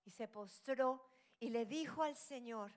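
A middle-aged woman preaching a sermon, with a fairly high-pitched voice. She shifts dramatically between loud, rising exclamations and quiet, whispered asides. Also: a little slow.

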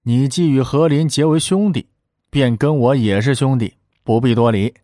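A man's voice: medium pitch, measured pace, dry recording, clean studio sound, close to an everyday voice. A man doing a gracious powerful official. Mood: genial. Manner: relaxed and genial. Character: powerful young male high official, gracious.

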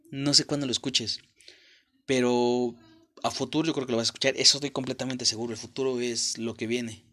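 A man's voice: mid-range voice, a bit bright. Blunt, profane Mexican man. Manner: blunt and profane, talks straight to the listener. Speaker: podcast host. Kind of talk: motivational monologue.

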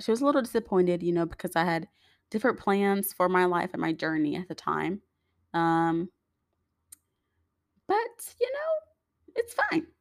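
A woman's voice: medium pitch, dry recording, clean studio sound. A young woman, chatting straight to her viewers in a storytime vlog, full of fillers and asides. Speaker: vlogger.

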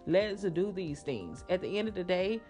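A woman hosting a casual solo podcast, talking in a sassy, slangy, emphatic way with drawn-out words. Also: lowish voice, lively intonation, mellow, faint music behind. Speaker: podcast host.

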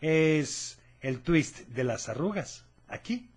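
High-voiced man hosting a kids' show. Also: animated, slow pace, husky. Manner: cheerful, talks straight to children. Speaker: host of a children's radio show. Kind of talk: children's radio show hosting.

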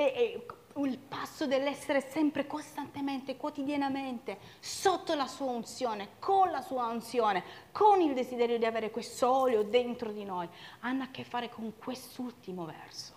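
A woman preaching a sermon with passion, swinging between loud urging and quiet reflection. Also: a little high.

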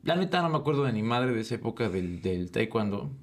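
A man's voice: mid-range voice, very animated, fast. A young man with a Mexican accent, a podcast guest telling stories in a joking, slangy way. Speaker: guest, jiu-jitsu instructor. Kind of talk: casual chat.

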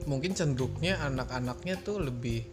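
A man's voice: mid-range voice, brisk, over music. A man from Jakarta, a guest in a casual podcast chat, teasing, laughing often and rambling through his answers.

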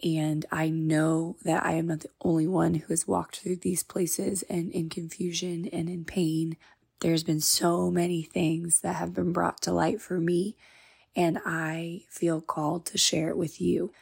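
Woman in her thirties, podcast host, hoarse and gravelly, low-pitched, confiding tone. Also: little pitch movement, unhurried, darkish tone. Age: 30s. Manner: earnest, confiding. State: hoarse from illness. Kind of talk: personal storytelling.

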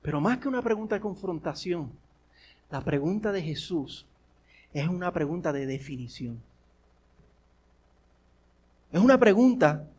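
High-voiced man preaching a sermon. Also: slightly rough. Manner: repeats rhetorical questions to the congregation; swings between forceful and hushed delivery. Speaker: pastor.

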